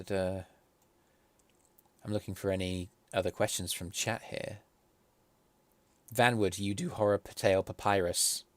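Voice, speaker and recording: Male livestream host, plummy southern English voice, lowish pitch, dry close sound, casual interviewing style. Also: no echo. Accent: southern English, posh. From south of England. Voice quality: plummy, posh voice. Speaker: stream host interviewing artists.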